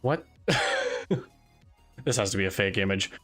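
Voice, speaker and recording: A man's voice: lowish voice, animated, a little slow, fairly bright tone, soft background music. A young man chatting on a live stream, telling a rambling story with frequent restarts and exasperated asides. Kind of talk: casual chat while live streaming.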